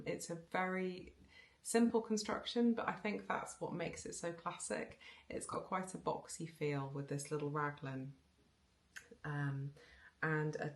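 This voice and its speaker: A knitting podcaster from South Wales, who speaks with a generic Home Counties English accent, chats casually about her knitting in a deep voice. She rambles, using fillers and restarting her sentences.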